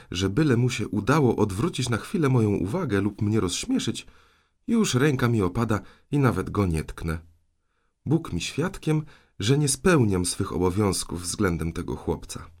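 A man voicing a scolding but soft-hearted elderly aunt in an audiobook, exclaiming and fretting. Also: lowish voice.

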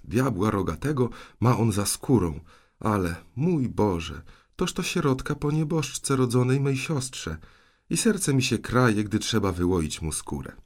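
A man voicing a scolding but soft-hearted elderly aunt in an audiobook, exclaiming and fretting. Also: lowish voice, sing-song, unhurried, heavily acted.

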